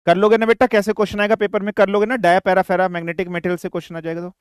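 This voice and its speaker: A man's voice: high-pitched, flat delivery, racing, clean tone, dry recording. An older man teaching a physics class online, repeating questions to his students, with a dry throat. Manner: addresses students as beta, repeats questions, mixes Hindi and English.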